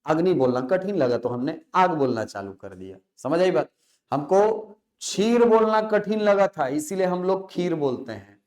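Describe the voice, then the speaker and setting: A man teaching a classroom lecture. He asks questions, answers them himself, and repeats key words slowly to stress them. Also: sits high, darkish tone.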